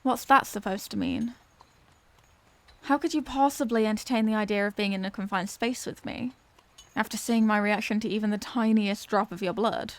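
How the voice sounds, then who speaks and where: A woman with a medium-pitched, lightly acted voice plays an anguished, tender Victorian lady vampire in a scripted, intimate audio roleplay monologue. She sounds distressed and pleading, her phrasing formal and earnest.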